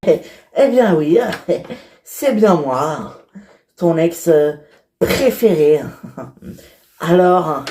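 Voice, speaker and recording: A woman's voice: fairly low pitch, expressive, drawn-out words, long pauses, warm tone. A woman voicing a cheeky, boastful middle-aged man who rambles, chuckles between phrases and stumbles over fillers. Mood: sly. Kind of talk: toy-figure fan series voice acting. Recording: electronic music playing behind.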